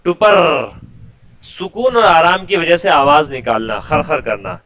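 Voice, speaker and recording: Male tutor, bright higher voice, measured word-by-word lesson delivery. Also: sing-song, poor audio. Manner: slow dictation-like word-by-word explanation; asks rhetorical questions then answers. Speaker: English teacher. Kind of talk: vocabulary lesson with translations.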